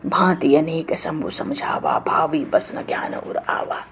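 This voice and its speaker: A woman voicing a calm ascetic male god in a devotional retelling, speaking low, soft and measured. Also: slight background noise. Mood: gently warning.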